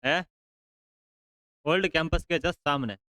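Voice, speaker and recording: A male teacher, bantering with his class and teasing students into speaking up loudly. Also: on the high side, slow pace, dry recording, rough recording.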